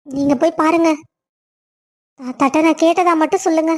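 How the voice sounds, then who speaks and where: Woman as a high-voiced, tearful older sister, pleading. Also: fairly even intonation, normal speed, darkish tone. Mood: sorrowful. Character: sorrowful elder sister, longing for her brother.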